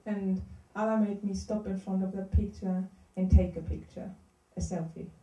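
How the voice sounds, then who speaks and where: A woman with a very dark, mellow tone gives a plain, steady interpretation of a sermon, now and then correcting herself mid-word. Her voice is distant and roomy, as if caught by a mic across a hall. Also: mid-range voice, normal speed. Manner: plain retelling with small self-corrections.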